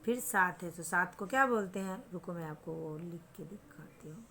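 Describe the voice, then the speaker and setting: A patient Indian woman teacher speaks a little low for a woman, repeating each point and asking her young pupils questions back. Faint room ambience sits behind her voice, recorded close on a simple home setup. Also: moderate pace, background noise. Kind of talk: online lesson for children.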